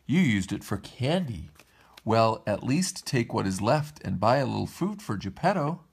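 A man's voice: medium pitch, big pitch swings, normal speed, gravelly, husky, heavily acted. A man voicing a small fussy cricket in a storybook read-aloud, scolding and urgent.

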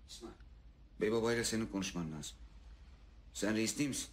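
An actor playing a worried sailor asking why the crew still waits. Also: male voice, fairly low pitch, brisk, lightly acted. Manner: complaining, urging calm. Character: worried sailor complaining about waiting.

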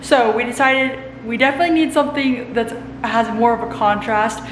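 A bright, chatty young woman filming herself on a camera held at arm's length, her voice sitting a little high. Her voice rings off bare walls in an empty room with a faint hum behind it. Upbeat and easygoing, like a casual home vlog. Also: fairly quick, roomy sound, rough recording. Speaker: vlogger. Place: empty suburban house, indoors.

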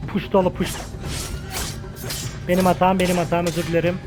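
A man's voice: sits high, level tone, brisk, over music. Young man trash-talking over gameplay. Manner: trash-talking, shouting taunts during fights; swearing, slangy and joking. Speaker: gaming channel host. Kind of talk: casual gameplay commentary.

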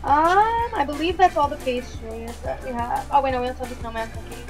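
A woman working as a drive-thru barista, heard through the intercom speaker and taking the order in a quick, friendly, helpful way. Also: sits high, music in the background. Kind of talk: brisk customer-service talk.

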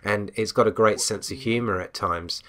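A man's voice: on the low side, fairly even intonation, normal speed, fairly bright tone. A man giving a casual spoken game review, hesitant, with frequent ums and restarts.

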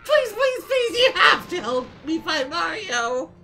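A woman's voice: extremely high pitch, very animated, a little slow, bright, forceful tone, soft background music, pitched below the performer's own voice, full character voice. A woman voicing Toad as a small, frantic, whiny mushroom man with a screechy voice, dubbing game dialogue in a melodramatic wail. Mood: frantic pleading. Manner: wailing, melodramatic pleading.

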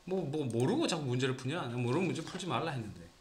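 A man's voice: medium pitch, animated, quick pace, slight background noise. A man with a Gyeongsang accent teaching a grammar lesson to a small class, quizzing students and teasing them as he goes. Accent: Gyeongsang Korean. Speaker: English teacher. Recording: roomy classroom echo.

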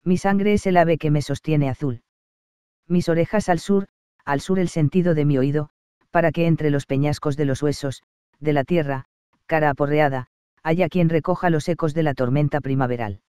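An ecstatic male sun god chants his lines in slow, incantatory verse, as a man reads him aloud. The voice sits slightly high and sounds smooth and resonant. The recording is dry and close for a storybook audiobook. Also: fairly even intonation, a little mellow, no room sound, lightly acted. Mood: rapturous. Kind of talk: audiobook reading of a verse play.

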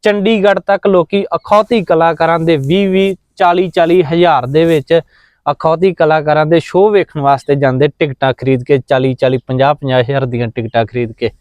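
Man, earnest, preaching, fairly high voice, clean dry sound. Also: steady tone, a little fast, a little mellow, clear, resonant tone, no echo. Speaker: interviewee. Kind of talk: impassioned religious commentary.

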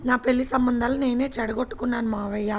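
A woman's voice: a little high, steady tone, quick pace, natural voice. A woman voicing a stubborn, lovesick young woman in a storybook reading, speaking insistently. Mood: pleading.

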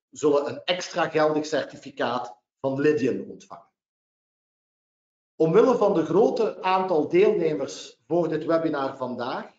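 A man with a Belgian Dutch accent hosts a legal webinar, running through practical points and the agenda step by step in a formal tone. His voice sits a little high for a man. The audio sounds roomy and slightly dull. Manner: orderly, announcing points one by one. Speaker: webinar host and lawyer.

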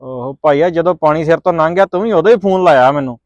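A man playing a calm younger brother who consoles his brother-in-law on the phone. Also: a little high, fast, no echo, dull audio, close to an everyday voice. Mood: consoling. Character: younger brother of the mother, reassuring on a call. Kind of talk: family drama vlog acting.

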